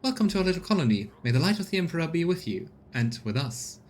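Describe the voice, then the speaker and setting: A man's voice: a little high, big pitch swings, fast, darkish tone, voice pushed up. A man voicing a tired, proud, plain-spoken woman who leads a scavenger camp in a game, folksy and deferential. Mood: polite, uncertain. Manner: earnest, folksy, deferential to nobility. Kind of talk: voiced role-play of game dialogue.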